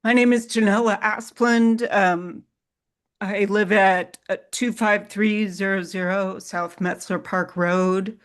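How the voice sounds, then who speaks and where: A woman speaks as a resident giving public testimony. Her voice trembles steadily, with an audible wobble running through her words. The pitch sits in a middle range. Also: fairly even intonation, slow pace. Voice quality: trembling, wobbly voice from a vocal cord tremor.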